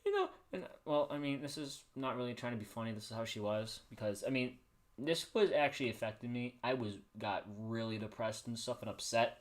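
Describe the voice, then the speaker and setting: Speaking a little fast at a medium pitch, this livestream host tells loose, meandering stories, often starting over and saying things twice. He handles his streaming microphone himself, shifting it by hand.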